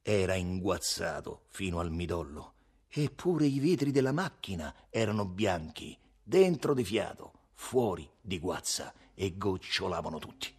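Husky male audiobook narrator. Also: low voice, unhurried. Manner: steady, expressive storytelling. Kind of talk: audiobook reading of a novel.

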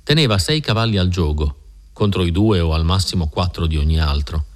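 Low-voiced man narrating a novel. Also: animated, fairly quick. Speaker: audiobook narrator. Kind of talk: scripted literary narration.

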